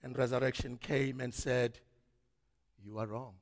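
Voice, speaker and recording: A man preaching a sermon as pastor, swinging from loud, dramatic preaching to hushed tones. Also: mid-range voice, steady tone, measured pace, gravelly. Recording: long reverb of a large hall.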